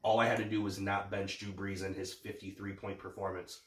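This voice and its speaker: A man's voice: low-pitched, flat delivery, a little fast. Male sports podcaster, stuffed-up sniffly nose, cocky and sweary banter, recorded roomy and off-mic. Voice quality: congested, blocked-nose sniffly voice. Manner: boastful, sweary. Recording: echoey room, distant from mic.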